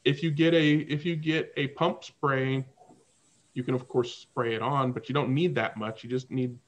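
A man hosting a casual video call chat, explaining things at length in a relaxed way from a room at home. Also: mid-range voice, moderate pace. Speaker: host.

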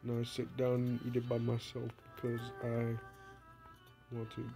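A man's voice: medium pitch, monotone, normal speed, warm tone, soft background music. A young man who is sick, casually narrating his game in a rambling, playful, self-mocking way. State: sick, coughing. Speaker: gaming vlogger. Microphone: phone screen recording.

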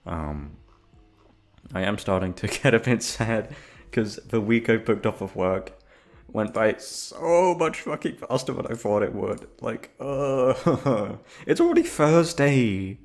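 A young man who voices audio roleplays chats informally with his listeners, rambling from topic to topic and swearing freely. His voice is fairly low, very animated, and slow-paced.

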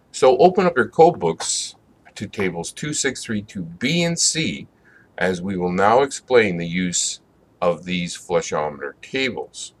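A middle-aged man with a somewhat low voice narrates a plumbing lesson from a script. He explains each step methodically, at a measured and even pace, like an instructor walking students through a code book.

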